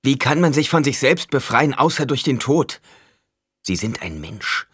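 A man's voice: lowish voice, big pitch swings, moderate pace, fairly bright tone, slightly rough, no room sound, clean studio sound, pitched above the performer's own voice, full character voice. A man voicing a tormented, blind young prophet-emperor who speaks with intense, commanding outbursts. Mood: forceful.

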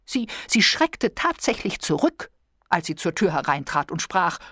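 A woman's voice: fairly low pitch, big pitch swings, unhurried, a bit bright, no room sound, studio quality, heavily acted. A woman voicing a fussy, self-pitying invalid wife who complains plaintively.

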